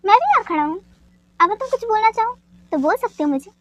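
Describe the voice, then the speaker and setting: A woman voicing a steady young husband who talks in a calming, reassuring way. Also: very high-pitched, fast talker, no room sound.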